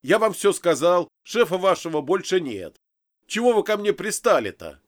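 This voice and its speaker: A man's voice: on the high side, sing-song, normal speed, voice pushed up. A man voicing an insolent young captive who talks back to his captors. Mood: defiant. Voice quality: insolent, defiant.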